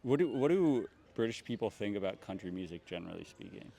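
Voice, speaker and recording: Male street interviewer, lower voice, upbeat and encouraging with his guests. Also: very animated, fast, creaky, dark tone. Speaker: interviewer host. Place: city street outdoors.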